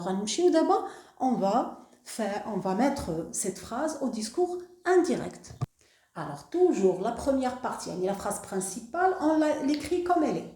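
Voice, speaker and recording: Brief: woman, Moroccan accent, hesitant but lively classroom teacher, mellow tone, roomy echo. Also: medium pitch. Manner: mixes French with Moroccan Arabic, checks in often with d'accord; hesitant, many fillers and restarts. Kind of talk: grammar lesson for pupils.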